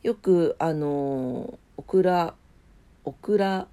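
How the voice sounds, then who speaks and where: A woman with a low, mellow voice draws out her words, her tone nasal, stuffed-up and drowsy. Hosting a daily morning weather and today-in-history show, she chats casually and reads out weather and trivia notes, sounding sleepy and unpolished.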